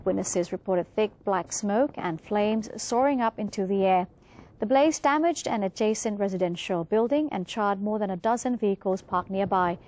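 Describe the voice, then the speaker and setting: A woman's voice: medium pitch, a little mellow. A woman with a Thai accent presenting a news bulletin, reading from a script.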